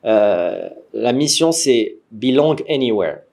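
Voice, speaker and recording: A man with a Moroccan French accent teaching an online workshop to startup founders over a video call, lively and questioning, with frequent restarts. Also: mid-range voice, takes it slowly, gravelly. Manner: lively, asks the group for agreement often, many restarts; says he is a gamer. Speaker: startup trainer. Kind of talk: online training lecture. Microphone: computer mic on a video call.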